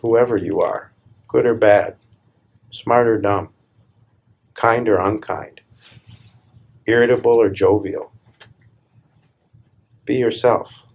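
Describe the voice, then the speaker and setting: Calm, gravelly man guiding a meditation. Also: on the low side. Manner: deliberate, with measured pauses between short repeated phrases. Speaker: spiritual teacher leading a guided meditation. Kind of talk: guided meditation talk.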